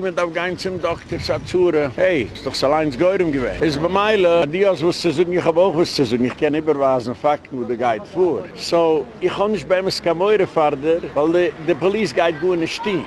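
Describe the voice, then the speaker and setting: A man's voice: fairly high pitch, vocal fry, darkish tone, slight background noise. A man giving an impassioned lecture as a rabbi, speaking emphatically and slipping English words into his speech.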